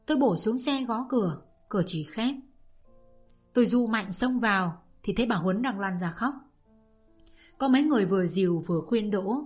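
A woman narrating a novel aloud in the first person, with an emotional, expressive delivery. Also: medium pitch, slightly rough. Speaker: audiobook narrator. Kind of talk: dramatic reading of a novel.

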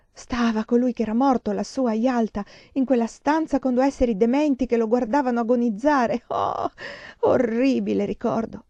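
A woman reading a novel aloud in an expressive, dramatic way, closely miked in a slightly dull recording. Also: no echo. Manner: dramatic, rising in pitch at tense moments. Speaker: reader of a novel.

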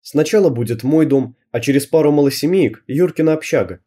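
Husky-voiced male audiobook narrator. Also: on the high side, brisk, warm tone. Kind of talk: scripted narration.

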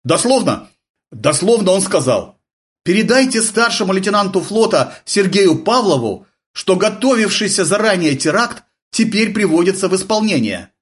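A man voicing a flustered, excitable young army sergeant who blurts and yelps his lines in an audiobook. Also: normal speed. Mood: reporting. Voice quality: shrill, blurting, agitated. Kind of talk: audiobook character voice.

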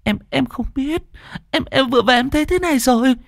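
A man's voice: very high-pitched, drawn-out words, fairly bright tone, no echo, studio quality, voice pushed up, exaggerated voice. A man voicing a terrified young woman lodger who stammers in panic. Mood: panicked.

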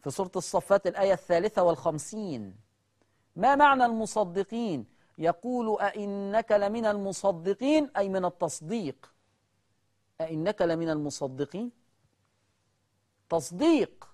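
An Egyptian-accented teacher giving a televised religious lesson. The delivery is lively and questioning: a question is put to the viewers, then answered right away. Key words get drawn out slowly for emphasis. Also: medium pitch. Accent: Egyptian Arabic. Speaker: Quran recitation teacher on TV.

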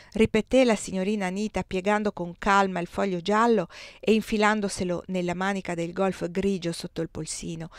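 A woman reading a novel aloud as an audiobook, with measured, expressive narration. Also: mid-range voice, no room sound, studio quality. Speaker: audiobook reader.

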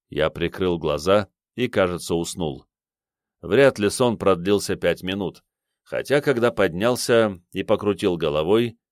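A man narrates a fantasy story in the first person with a steady, even delivery. His voice sits low, and the recording is dry and close, with no room sound. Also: dry recording. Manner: steady, measured reading. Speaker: audiobook narrator.

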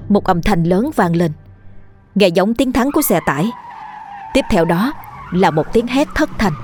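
A woman reads a horror story aloud in a steady, measured way, her voice sitting on the low side. Faint music plays underneath. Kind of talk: scripted horror story narration.

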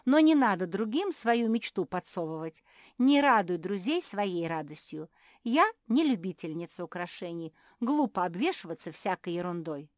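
A woman's voice: mid-range voice, animated, moderate pace, no echo, clean studio sound, voice pushed up, lightly acted. A woman voicing a spoiled young female pug who shrieks her demands in a petulant way. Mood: furious shouting.

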